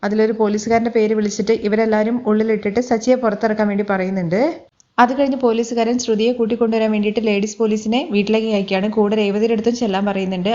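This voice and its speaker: A woman's voice: medium pitch, darkish tone. A woman retelling a serial's plot in a casual spoken recap, quoting dialogue in her own voice. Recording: dull lo-fi audio.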